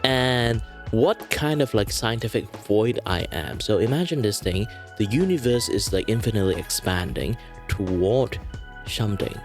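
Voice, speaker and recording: A man's voice: fairly low pitch, animated, normal speed, faint music behind. A man hosting as a virtual streamer, introducing himself in a casual, rambling, playful and hesitant way. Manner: hesitant, wandering, playful delivery.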